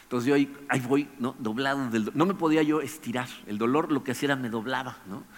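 A man tells a personal story at a quick clip, his voice in a middle register. He is animated and keeps tagging phrases with "¿no?". The sound has a long reverb tail, as if he speaks in a large hall. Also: medium pitch. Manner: animated, tags phrases with "¿no?", chuckles often. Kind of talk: anecdotal storytelling to an audience.

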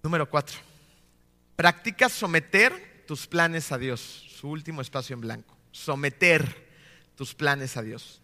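A man in his thirties preaches with a bright, ringing voice pitched a little high, firing off rhetorical questions and often tagging them with a quick "no?". He slows down hard on the key points. His voice trails off in the long reverb of a big hall. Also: expressive. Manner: rhetorical questions with frequent tag "¿no?". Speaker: pastor. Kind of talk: sermon.

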